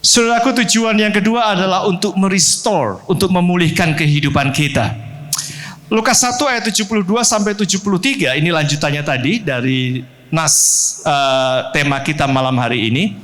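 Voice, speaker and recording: A middle-aged man from Central Java preaches with a high, lively voice that keeps leaping up and dropping low. He asks the congregation questions as he goes and slips English words into his sermon. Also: normal speed. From Central Java, Indonesia. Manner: animated preaching with lively pitch swings and direct questions to the congregation. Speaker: pastor.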